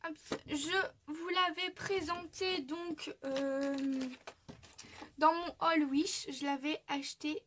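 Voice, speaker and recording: A woman's voice: high-pitched, fairly even intonation, takes it slowly, fairly bright tone, a little hiss or hum. A young woman from France chatting through a craft tutorial, full of fillers and little restarts. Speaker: craft youtuber.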